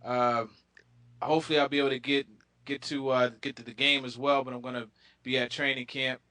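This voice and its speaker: A man co-hosting a sports talk show, talking in a relaxed, friendly way with plenty of fillers. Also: mid-range voice, a little fast. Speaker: co-host.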